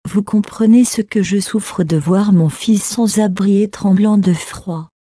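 A woman reading the part of a tender holy mother, in a soft, pleading way. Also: medium pitch, a little slow, no room sound, clean studio sound, natural voice.

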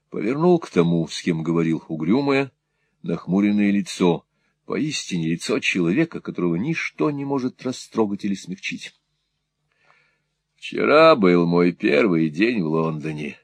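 A man narrating an audiobook in a measured, even storytelling manner, close to the mic. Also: sits low, dry recording. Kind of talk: scripted narration.

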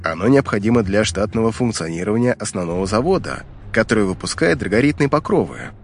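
A man's voice: fairly low pitch, lively intonation, fast, soft background music. A man narrating fiction from a script as an audiobook reader, in a dramatic storytelling style.

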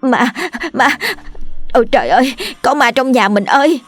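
A woman's voice: medium pitch, lively intonation, normal speed, faint music behind, close to an everyday voice. A woman voicing a greedy middle-aged village chief's wife who scolds and curses coarsely. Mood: panicked.

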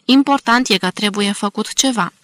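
A woman reading the lines of a calm, firm local man giving orders, in an audiobook. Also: medium pitch, dry recording, natural voice.

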